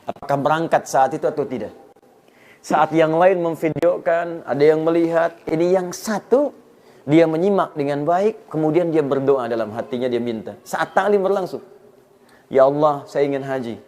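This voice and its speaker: A man's voice: on the high side, normal speed, dark tone. A man from Indonesia giving an Islamic sermon, telling stories and acting out the dialogue with rising emphasis. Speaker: Islamic preacher.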